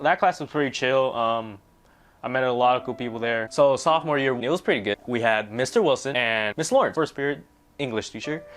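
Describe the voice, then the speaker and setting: A man's voice: mid-range voice, fairly bright tone. A young man in a casual vlog, rambling through questions and school stories and tagging his sentences with "right?". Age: young adult. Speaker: vlogger.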